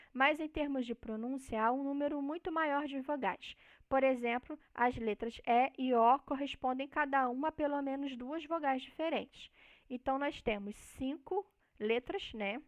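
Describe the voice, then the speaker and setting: A woman's voice: high voice, dry recording. A woman from Brazil teaching a recorded linguistics lesson, explaining step by step and often checking in with short tag questions. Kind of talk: recorded online lecture on linguistics.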